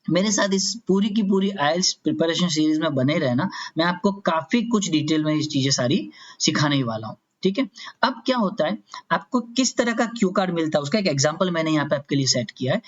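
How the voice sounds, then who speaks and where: A man teaching exam preparation in a chatty, reassuring way, often checking in with his viewers and reading example questions slowly. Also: high-pitched. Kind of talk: casual tutorial explanation. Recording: slightly dull lo-fi audio.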